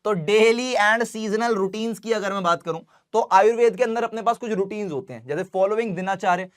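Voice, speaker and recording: A young man teaching an online science class, chatty and informal with his students, reading English lines slowly and deliberately. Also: sits high, smooth. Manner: chatty, addresses students as bhai and beta.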